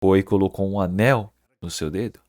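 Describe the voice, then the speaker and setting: A male pastor preaches a Sunday sermon in a low voice, pressing his points with repeated words and rhetorical questions to the congregation. The sound is close and dry, with almost no room echo. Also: normal speed, a little mellow. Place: church service.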